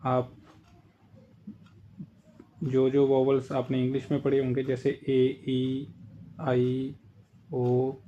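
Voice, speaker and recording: A man's voice: mid-range voice, darkish tone. A man with an Indian accent teaching a casual lesson, patiently explaining and repeating the example words. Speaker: German language teacher.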